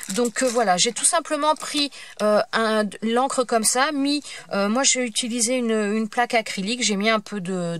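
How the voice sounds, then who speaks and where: A woman's voice: mid-range voice, fairly bright tone, no room sound. A middle-aged woman chatting casually through a crafting review, hesitant, with many fillers and restarts. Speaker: crafting vlogger.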